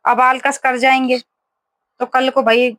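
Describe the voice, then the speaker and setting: A woman's voice: high voice, flat delivery, measured pace, a bit bright, dry recording. Chatty woman vlogger, close and dry. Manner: chatty storytelling with many fillers. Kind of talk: casual home vlog chat. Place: home kitchen, indoors.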